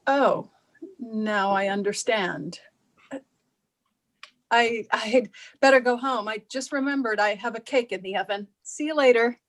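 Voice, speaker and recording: A woman in a staged play reading voices a naive, well-meaning suburban housewife who is easily flustered. Her high voice stammers hesitantly, a little slow and lightly acted, sounding puzzled and awkward.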